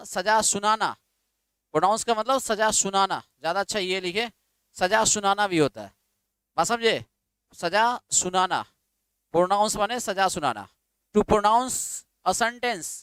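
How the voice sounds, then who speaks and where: A man leads a vocabulary lesson, drilling terms again and again. His voice sits high for a man and sounds clean and crisp. The recording is dry and close, with no room echo. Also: fairly bright tone. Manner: repetitive, drilling, asks students to write words down. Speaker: English vocabulary teacher. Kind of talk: classroom lecture in Hindi with English terms.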